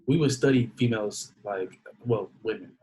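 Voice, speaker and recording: A man in his twenties, a podcast guest in casual chat, laid-back and slangy and quick to poke fun at himself. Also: on the low side, dark tone, slight background noise, poor audio. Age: 20s.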